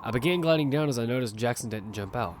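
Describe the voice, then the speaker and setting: An actor with a mid-range voice narrates an audio drama in the first person as an earnest young squad leader recounting his own story. His delivery is expressive and fast yet close to an everyday voice. A music bed runs underneath, with some background noise.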